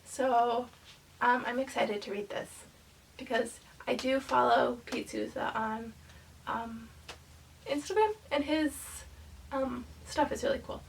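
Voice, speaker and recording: A woman's voice: a little high, slow, vocal fry, long pauses, far from the mic, slight background noise, poor audio. A young woman with a congested voice from a cold, chatting casually in a rambling way about her book haul as a channel host. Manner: chatty, rambling, many ums and likes.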